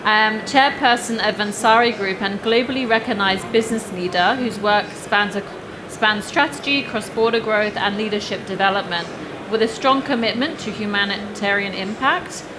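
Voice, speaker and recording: A woman's voice: medium pitch, moderate pace. A young adult woman hosting a fireside interview, upbeat and gushing, with fillers. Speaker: interview host. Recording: clear background noise.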